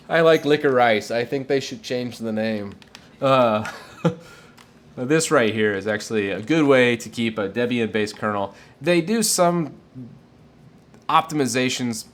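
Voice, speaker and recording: A man casually answering viewer questions on a live tech stream, enthusiastic and rambling with fillers. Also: mid-range voice.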